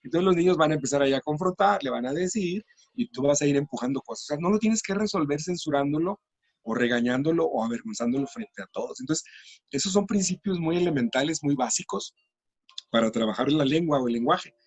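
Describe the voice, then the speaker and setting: Patient man explaining, slightly high voice. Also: lively intonation, fairly quick, no echo. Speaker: teacher trainer. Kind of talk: interview.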